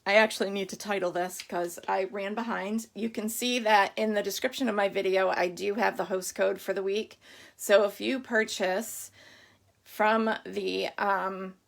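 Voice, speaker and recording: Middle-aged lady rambling thru a craft livestream, bit of vocal fry, hiccuping, says hi to folks by name. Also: mid-range voice, steady tone, unhurried. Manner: chatty, rambling, greets viewers by name. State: has the hiccups. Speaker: stamping demonstrator hosting a live stream. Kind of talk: casual live-stream craft demo.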